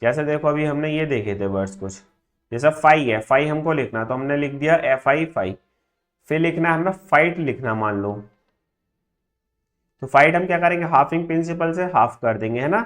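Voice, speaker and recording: A man teaching a shorthand class who says each word slowly and more than once, and often stops with a quick question to check that the students are following. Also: fairly high pitch, fairly bright tone. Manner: drills words by repeating them slowly, checks understanding with frequent tag questions. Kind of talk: classroom lesson.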